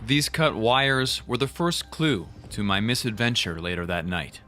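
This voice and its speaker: A man gives voice-over narration in a measured, explanatory tone. His voice is bright and forceful, and his pitch sits in a middle range. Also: slight background noise.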